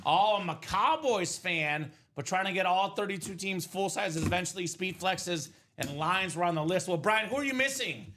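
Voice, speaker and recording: A man's voice: sits high, lively intonation, moderate pace, hardly any pauses, sharp tone, slight background noise. A man in his thirties, originally from Bulgaria, hosting a live sports card break show with upbeat hype-style chat. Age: 30s. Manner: upbeat, hype-style, calls viewers brother. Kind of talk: live stream sales chat.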